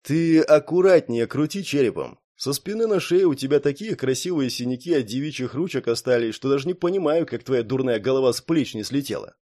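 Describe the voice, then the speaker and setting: A man's voice: mid-range voice, lively intonation, fairly quick, few pauses, mellow, lightly acted. A man narrator voicing a brash young male space pilot who teases his friend with a smirk. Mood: mocking. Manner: smirking, teasing.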